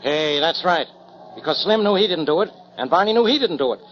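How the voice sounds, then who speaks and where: An actor playing a gruff, easily baffled police inspector who blusters, in 1940s radio detective drama style. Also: male voice, a little high, expressive, fairly quick, a bit bright. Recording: dull lo-fi 1940s radio broadcast recording.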